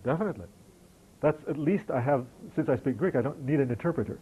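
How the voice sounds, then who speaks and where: Middle-aged American lecturer in an audience Q&A, warm low voice, wry and self-deprecating. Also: male voice, animated, fast, a little hiss or hum, poor audio. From United States. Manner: conversational, self-deprecating, wry humor, frequent restarts. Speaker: lecturer answering audience questions. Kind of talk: question-and-answer session after a lecture. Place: lecture hall.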